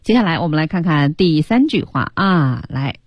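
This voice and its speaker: Lively female radio English teacher. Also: deep voice, slightly rough, no echo, muffled recording. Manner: slows right down to model English phrases word by word. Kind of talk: bilingual language lesson on a radio program. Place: radio studio.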